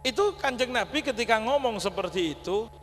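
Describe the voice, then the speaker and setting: Male preacher, high voice, folksy sermon delivery, big reverberant mosque hall. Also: lively intonation, a little fast, a bit bright. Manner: folksy, addresses audience as Pak, mixes Javanese words. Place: large mosque. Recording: long hall reverb, faint hum.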